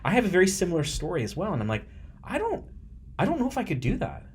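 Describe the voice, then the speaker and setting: A man's voice: high-pitched, huge pitch swings, quick pace, breathy edge. Chatty enthusiastic man hosting a podcast. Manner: enthusiastic, chatty, lots of "like" and restarts. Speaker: podcast host, teacher. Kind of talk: casual interview chat.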